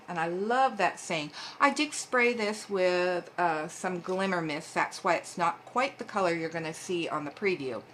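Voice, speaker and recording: A woman's voice: fairly low pitch, a bit bright, slight background noise. A woman hosting a papercraft video, chatting casually as she shows her handmade cards, with frequent ums along the way. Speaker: papercraft channel host. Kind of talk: casual craft show-and-tell.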